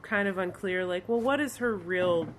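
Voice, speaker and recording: Woman guest on a podcast, lowish voice, dry jokes, faint hiss. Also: normal speed. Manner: dry joking asides, laughs easily. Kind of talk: casual podcast chat.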